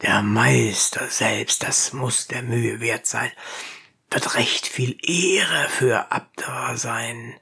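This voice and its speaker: A woman voicing a short, fat, jovial male town councillor who flatters a guest, in a low husky voice. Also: takes it slowly, exaggerated voice. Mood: jovial fawning.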